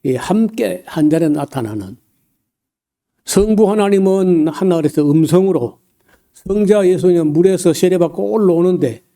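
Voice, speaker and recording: A man preaching a sermon as pastor, in a halting, folksy way with many fillers, humorous asides and frequent throat-clearing. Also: fairly high pitch, warm tone.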